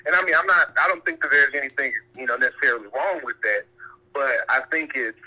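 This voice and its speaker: A man calling in to share opinions conversationally, halting and circling back to rephrase his points, over a telephone-like line. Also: mid-range voice, bright, forceful tone. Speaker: caller.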